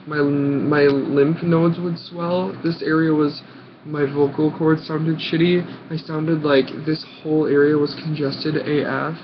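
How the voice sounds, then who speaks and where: A young American man of about nineteen telling a personal story casually, in short halting phrases with dramatic emphasis. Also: a little high. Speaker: vlogger. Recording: muffled audio with clear background noise.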